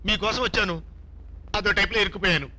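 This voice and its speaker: A frantic, bright-voiced salesman. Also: sits high, fast talker. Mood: pleading. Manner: frantic, full of wailing exclamations. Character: bumbling, panicky young man, a cosmetics salesman. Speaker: film comedian. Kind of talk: film comedy acting.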